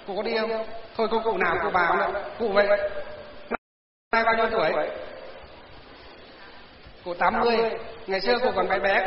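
A man's voice: sits high, a little hiss or hum. A man preaching a Buddhist sermon to a gathered audience, constantly posing rhetorical questions and answering them himself, and sometimes questioning listeners directly. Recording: roomy hall reverb, dull lo-fi sound.

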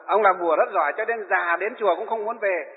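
High-voiced monk in an echoing hall. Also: male voice, quick pace. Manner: chatty, wry, laughs while telling anecdotes. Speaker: Buddhist monk. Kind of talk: storytelling dharma talk. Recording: tinny, lo-fi, long hall reverb.

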